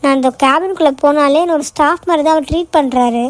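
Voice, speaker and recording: A woman's voice: sits high, fast talker, no echo, natural voice. A woman voicing a frustrated young daughter in a cartoon, complaining in an exasperated, argumentative way. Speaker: daughter working in an office. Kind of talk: cartoon voice acting.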